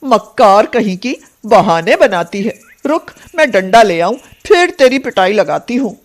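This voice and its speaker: A woman's voice: mid-range voice, animated, a little slow, close to an everyday voice. A woman voicing a cruel middle-aged aunt in a cartoon, insulting and scolding in a harsh voice.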